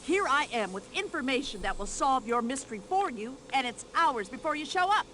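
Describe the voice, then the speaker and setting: A bossy older American widow, her voice high and bright as it swings up and down through every complaint. She talks loudly with a sharp tongue, nosy and easily offended, in a game mystery. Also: sing-song, fairly quick, slight background noise, heavily acted. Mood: impatient. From United States. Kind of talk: video game voice acting.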